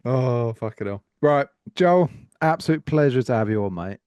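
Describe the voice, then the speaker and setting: A man's voice: medium pitch, animated, normal speed, a little mellow, clear, resonant tone, dry recording, muffled recording. A British man hosting a casual podcast, blunt, sweary and teasing. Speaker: podcast host.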